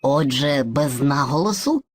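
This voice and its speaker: Here a woman uses a low, animated, unhurried voice to portray Surzhyk, a keen but muddled boy personifying mixed speech in an educational cartoon. He alternates between bragging and faltering, and the performance is playfully theatrical.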